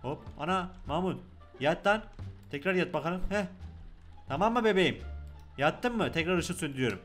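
Excitable high-voiced young Turkish gamer. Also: male voice, normal speed, faint music behind. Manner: loud, joking, excitable, talks to the game baby. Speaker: gaming YouTuber. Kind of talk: let's play commentary.

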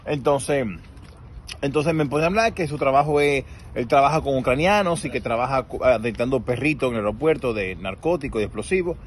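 A man's voice: medium pitch, fairly quick, slight background noise. A young man casually telling a funny story as a vlogger, acting out the voices of the people in it. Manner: animated, acts out quoted dialogue.

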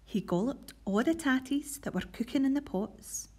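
Husky Scottish teacher reading aloud. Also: female voice, high voice, animated, moderate pace, mellow. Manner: clear, encouraging, read-aloud storytelling. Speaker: primary school teacher leading assembly. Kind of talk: school assembly talk and storybook reading.

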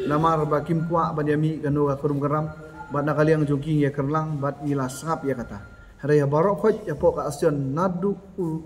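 A man's voice: a little high, a little mellow, a little hiss or hum. A man in his thirties giving an emphatic press conference statement, seated at a table in a bare concrete meeting hall, picked up by a camera in front of him. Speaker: association office-bearer at a press meet.

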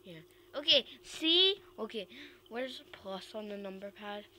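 A woman hosting an amateur horror game video with casual commentary, jumpy and excitable like a scared streamer. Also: medium pitch, moderate pace. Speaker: host of an amateur gaming video. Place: indoors, filming a screen with a handheld camera. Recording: noisy home recording.

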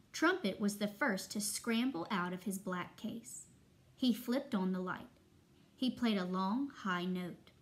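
A young woman teacher reads a children's story aloud with steady pacing and a middle pitch. Between passages she gives patient, simple instructions for young readers. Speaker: first grade teacher.

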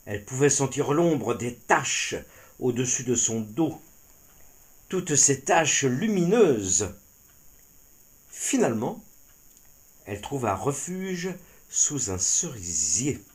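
Slow, expressive male storyteller. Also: mid-range voice. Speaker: narrator. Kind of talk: storytelling narration.

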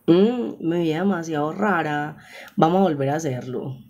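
A young woman with a Paisa Colombian accent chatting casually with viewers on a live stream, exclamatory and quick to laugh, speaking into a phone. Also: low voice, expressive, darkish tone. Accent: Paisa Colombian Spanish.

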